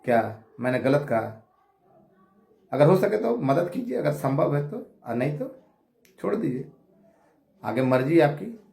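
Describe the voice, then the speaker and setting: A man giving a heated monologue from his home prayer room, combative, insulting his rivals and swinging between shouting and low muttering. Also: very animated, measured pace, gravelly, pauses often, echoey room. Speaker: online commentator appealing to viewers.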